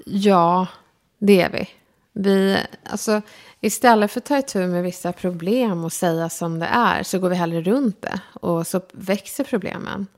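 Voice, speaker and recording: A Swedish woman with a slight lisp and a faintly upper-class Stockholm accent, talking frankly and directly in a casual conversation. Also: medium pitch. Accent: Stockholm, slightly upper-class tinge. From Sweden. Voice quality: slight lisp, speaks far forward in the mouth. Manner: direct, frank, self-deprecating. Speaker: guest, designer and lecturer.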